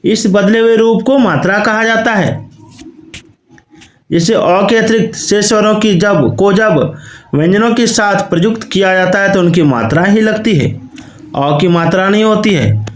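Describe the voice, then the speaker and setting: Male Hindi grammar teacher, high-pitched and unhurried, in an echoey room. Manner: slow, explains step by step and often repeats the question; says "okay" and "you can see" often. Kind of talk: recorded online lesson.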